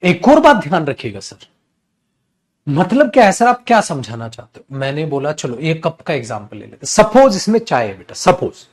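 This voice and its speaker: A man teaching an exam-prep English class while running a fever, animated and addressing students as son and brother. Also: fairly high pitch, normal speed. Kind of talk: classroom lecture.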